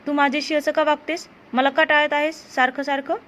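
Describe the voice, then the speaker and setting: A woman's voice: high-pitched, flat delivery, a little fast, a bit bright, pitched above the performer's own voice. A woman voicing a possessive, desperate young man who pleads and insists with his lover. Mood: accusing.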